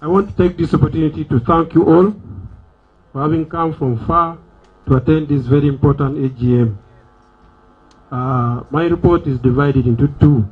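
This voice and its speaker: Husky man giving formal greetings over a tinny line. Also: on the high side, moderate pace. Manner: formal greetings with hesitant fillers. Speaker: treasurer at a members' meeting. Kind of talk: formal address to members. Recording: tinny, phone-like event recording.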